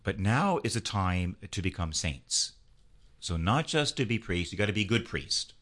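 Fervent low-voiced priest host. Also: male voice, big pitch swings, moderate pace, a bit bright. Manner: fervent, preaching. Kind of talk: leading prayer and interviewing.

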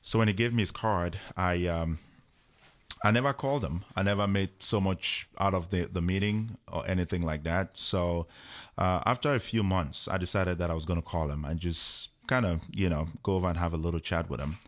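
A man, a guest telling a personal story in an unhurried way with many fillers. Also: deep voice. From Cameroon.

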